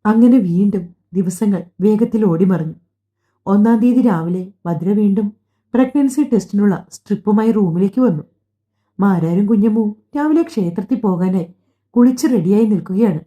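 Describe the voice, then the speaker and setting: A woman narrating an emotional family story, her voice very dark and mellow. She reads calmly and steadily, and the recording has a slightly dull, lo-fi sound. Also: medium pitch, normal speed. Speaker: audiobook narrator.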